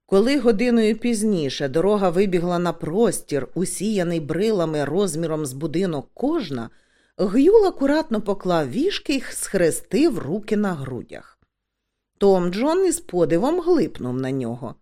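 A woman reads a comic fantasy story aloud, her pitch rising and falling animatedly. She narrates expressively and slips into each character as the scene needs. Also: big pitch swings, moderate pace, dark tone. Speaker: audiobook narrator.

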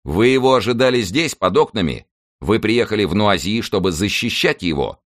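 A man's voice: lowish voice, lively intonation, normal speed, no echo, clean studio sound, voice pushed up, natural voice. A man playing a haughty commanding nobleman.

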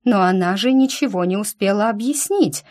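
A woman voicing a stubborn, fussy middle-aged witch mother with a chatty, slightly husky voice. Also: mid-range voice, lively intonation, normal speed, a little mellow, pitched above the performer's own voice, natural voice.

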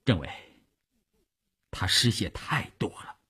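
A man voicing a weary male army doctor who speaks low and hushed. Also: huge pitch swings, moderate pace, breathy edge, full character voice. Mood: grim. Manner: low, hushed, half-whispered.

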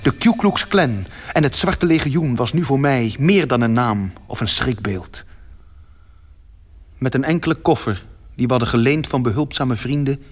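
A man with a mid-range voice narrates a first-person literary story aloud. His delivery is dramatic, swelling in the louder passages.

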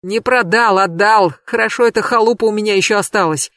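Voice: medium pitch, fairly quick, fairly bright tone, no echo, studio quality, lightly acted. A reader voicing a cornered foul-mouthed male crook. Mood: aggrieved. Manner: crude, aggrieved, swearing. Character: bitter cornered male criminal, middle-aged, foul-mouthed. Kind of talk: audiobook character reading.

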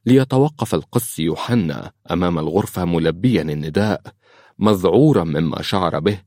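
A man narrating a story in a measured, formal way. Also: low voice, animated, darkish tone, no echo, clean studio sound. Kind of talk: scripted audiobook narration.

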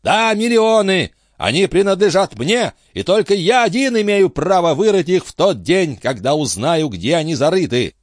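A hot-headed old sea captain, as a male reader puts him on, bursts out in high, strained shouts, his pitch leaping wildly through every line. The voice sits close and dry, with nothing of the room around it. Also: sing-song, moderate pace, few pauses, no room sound. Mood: agitated.

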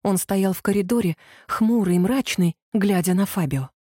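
A woman narrating a first-person story as an audiobook reader, with a lively, sharp-tongued delivery. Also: medium pitch, moderate pace, husky, no room sound, clean studio sound.

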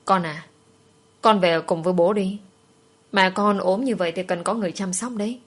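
A woman voicing a gentle middle-aged father who pleads softly with his daughter. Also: medium pitch, moderate pace, lightly acted. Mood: pleading.

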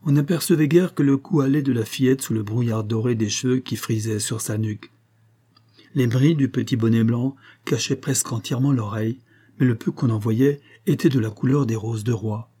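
Male narrator for a classic novel, mellow and dark, measured delivery. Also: mid-range voice, slightly rough. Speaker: audiobook reader. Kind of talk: literary audiobook narration.

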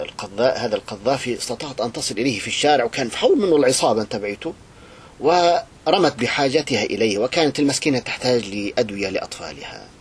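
A male Islamic preacher gives an impassioned religious address. He swings between quiet lament and loud indignation. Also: mid-range voice, a little hiss or hum.

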